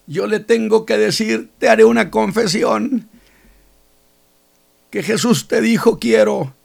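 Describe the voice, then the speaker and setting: A man preaching a sermon and swinging from hushed asides to loud proclamations. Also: high voice, fairly even intonation, measured pace, gravelly.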